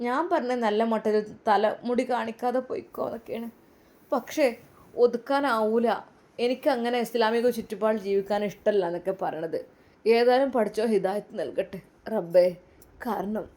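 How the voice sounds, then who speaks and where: A woman's voice: fairly high pitch, mellow, lightly acted. A woman voicing a resigned mother. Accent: Malappuram Malayalam. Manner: resigned, lamenting. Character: resigned middle-aged mother.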